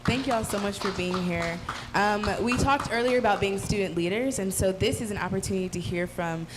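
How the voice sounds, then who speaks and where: A woman's voice: medium pitch, brisk. A young woman moderating a panel, upbeat and friendly. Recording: noisy event recording.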